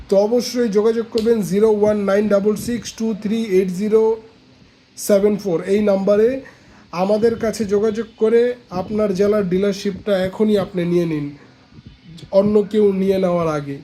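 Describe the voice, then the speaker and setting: A man from Bangladesh giving a casual sales pitch, persuasive and repetitive, pointing out products as he talks. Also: warm tone, slight background noise, rough recording. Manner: persuasive, repeats points, shows products while talking. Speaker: seller pitching a pigeon feed dealership.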